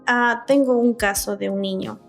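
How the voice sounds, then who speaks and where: A young adult woman talks through her work as a dentist in an earnest, step-by-step way, full of asides. Her voice sits fairly high and has a gravelly fry to it, while faint music plays underneath. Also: steady tone, moderate pace. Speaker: dentist guest. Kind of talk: casual interview chat.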